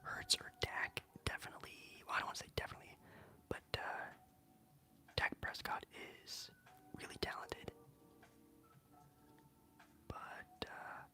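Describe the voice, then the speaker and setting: Streamer in a soft whisper. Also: measured pace, pauses often. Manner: soft, unvoiced whisper with chatty fillers. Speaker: ASMR streamer. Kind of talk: whispered ASMR live stream, reading chat.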